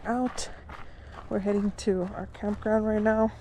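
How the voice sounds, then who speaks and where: A woman hosting a casual camping vlog outdoors by lakes and creeks, relaxed and chatty. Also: medium pitch, measured pace, poor audio. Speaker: vlogger, camping host. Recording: outdoor background noise.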